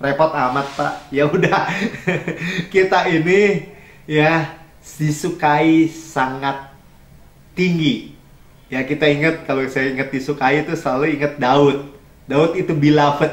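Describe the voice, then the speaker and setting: Man, pastor, sermon, conversational, slightly high voice, echoey church hall. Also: fairly even intonation, slow pace. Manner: conversational preaching, mixing in English phrases, chuckling.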